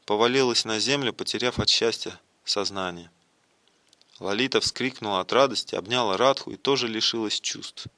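A man reads the stage directions of a devotional play quietly and plainly. His tone is bright, and the sound is close and dry. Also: on the low side, moderate pace, no room sound. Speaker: narrator. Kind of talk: dramatic reading of a devotional play.

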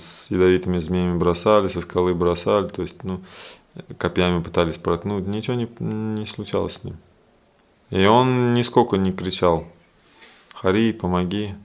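A man teaching a scripture study class in a loose, explanatory way, with frequent fillers and asides. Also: low-pitched.

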